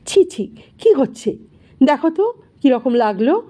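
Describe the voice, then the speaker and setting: A woman voicing a patient middle-aged husband and father who speaks softly and turns stern. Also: high-pitched, sing-song, measured pace. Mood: gentle. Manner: soft-spoken, then stern.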